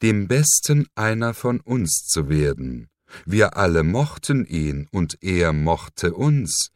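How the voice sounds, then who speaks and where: A man's voice: low-pitched, sing-song, slow pace, darkish tone, no echo, clean studio sound, exaggerated voice. A man voicing a mocking, menacing villain who sneers and hisses, in an audiobook reading. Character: mocking sinister man, cold cult leader.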